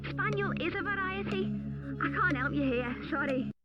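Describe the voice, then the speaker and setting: A woman's voice: very high-pitched, animated, moderate pace. A woman voicing an exasperated, unhelpful friend answering a quiz phone call. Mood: flustered. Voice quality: exasperated, nitpicking. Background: loud game show music.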